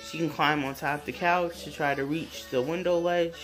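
Low-voiced mom in her 30s rambling about her day at home, phone mic, bit of music playing. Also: steady tone, normal speed. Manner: chatty, rambling with fillers. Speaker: mom vlogger. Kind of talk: casual chatty vlog. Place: home apartment kitchen and living room. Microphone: phone camera held close or propped.

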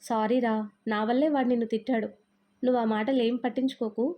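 A woman voicing a bossy, thrifty middle-aged mother-in-law who gives brisk orders in a Telugu storybook reading. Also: a little high, little pitch movement, warm tone, lightly acted. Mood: soft. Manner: commanding, brisk.

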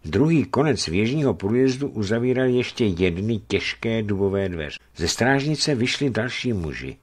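A man narrating a novel in a steady, scripted reading. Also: fairly low pitch, husky. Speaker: reader.

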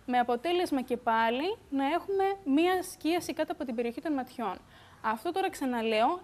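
A young beauty expert with a voice that sits high explains things calmly in a bright TV studio, now and then slipping in an "uh." She's recorded on a lapel mic.

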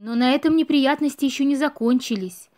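A woman reading a storybook audiobook aloud with expressive storytelling. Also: high-pitched, a little fast. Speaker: audiobook reader. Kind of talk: storybook narration.

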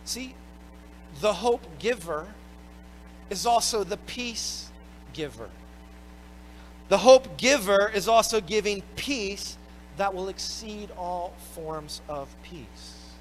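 High-voiced man preaching a sermon. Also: slow, long pauses, slight background noise. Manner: expressive preaching, rising and dropping in pitch and volume. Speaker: pastor.

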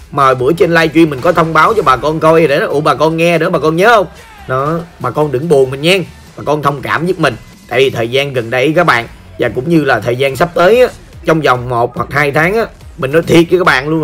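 Gaming host: hoarse Southern Vietnamese man, high and sharp-toned, playful chatty commentary. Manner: playful, joking, talks straight to viewers. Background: faint background music.

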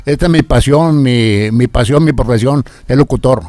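An older radio announcer speaks in a casual interview, halting, often stumbling and repeating words after a stroke. His voice is medium-pitched and dark, with no room sound.

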